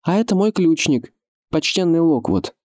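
A man reading an audiobook, voicing a calm young nobleman with a resonant, measured, commanding voice. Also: fairly high pitch, no echo, studio quality, pitched above the performer's own voice, lightly acted.

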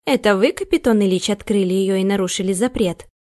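A woman's voice: mid-range voice, brisk, a little mellow, natural voice. A woman voicing a stern, imperious middle-aged housekeeper. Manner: imperious, commanding.

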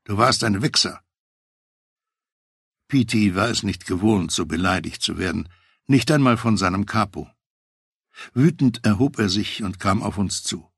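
A man narrating a memoir audiobook in a steady, matter-of-fact first-person voice on a close mic. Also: lowish voice, moderate pace, gravelly, husky, no room sound.

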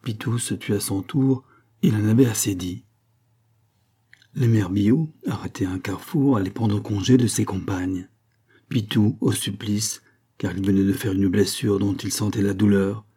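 A man reading a classic novel aloud in measured, even scripted narration. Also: lowish voice, slightly rough. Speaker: audiobook reader.

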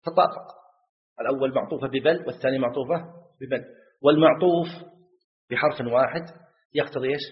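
A man's voice: medium pitch, fast, long pauses. A man, teaching Islamic jurisprudence in a lesson. He repeats key phrases and keeps asking his students questions. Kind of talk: classroom lesson explaining a legal text. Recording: dull lo-fi lecture recording.

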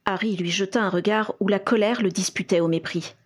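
Woman reading an audiobook, husky voice, middle pitch, steady storytelling. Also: a little fast. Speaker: audiobook reader. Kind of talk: fan fiction audiobook narration.

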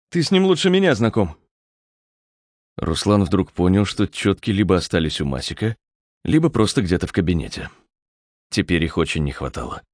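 A man narrating an audiobook with a measured, expressive reading. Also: deep voice, no room sound, studio quality. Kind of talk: scripted narration.

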